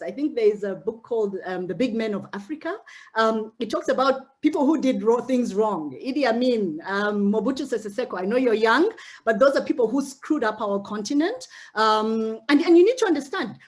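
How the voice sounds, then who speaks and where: Speaking at a normal speed with lively intonation, this slightly high-voiced middle-aged Ugandan woman gives a motivational talk to a cohort of young women she mentors. She is earnest and direct, often repeating words as she goes.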